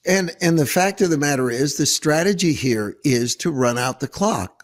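A man's voice: fairly high pitch, animated, moderate pace. A man hosting a political talk show, speaking emphatically and sarcastically with open disbelief. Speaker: show host, preacher. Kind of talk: casual political commentary.

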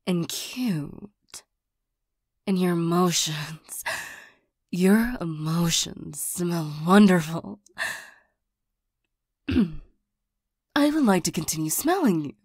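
A woman voicing a flirtatious, lonely female demon in an ASMR role-play, soft and partly soft-spoken, coaxing and teasing, easily irritated. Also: lowish voice, husky, dry recording, studio quality, heavily acted. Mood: infatuated, seductive. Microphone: close microphone.

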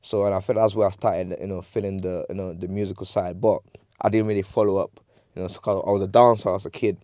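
A young man from Nigeria a low, mellow voice. He tells his stories in a laid-back, rambling way, leaning on "you know" all the time. The sound is dry and close, little room in it. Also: steady tone, fast, no room sound. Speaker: guest artist. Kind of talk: casual interview chat. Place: small recording studio, seated on a sofa.

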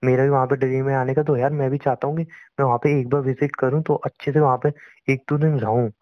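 A man's voice: medium pitch, level tone, fast, no echo, natural voice. A young man playing a frustrated boyfriend who tries to reason with his girlfriend on a phone call in a scripted drama. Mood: exasperated. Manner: exasperated, pleading, reasoning. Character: frustrated young boyfriend, defensive but trying to stay calm. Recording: dull, dry lo-fi recording.

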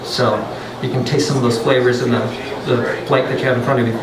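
Fast and flat, this medium-pitched male brewer rattles through a casual pub science lecture, tossing in jokes and repeatedly restarting. He's picked up from a distance in a roomy space over a loud crowd.

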